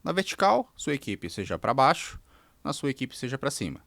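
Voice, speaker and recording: A man hosting a podcast interview, summing up his guest's points as lists before digging deeper. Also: big pitch swings, normal speed, creaky, fairly bright tone, dry recording. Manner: sums up points in lists, then asks for more. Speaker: podcast host.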